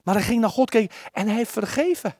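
Preacher, impassioned sermon, very animated pitch, dry close sound. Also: husky, no echo. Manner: impassioned, with dramatic pauses and repeated words; acts out the biblical quotes.

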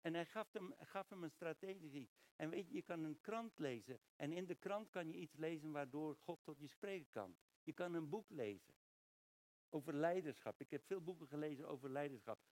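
A man's voice: fairly high pitch, normal speed, a little mellow, poor audio. A man preaching a sermon, reading verses aloud and explaining them in a conversational way, often searching for words and restarting.

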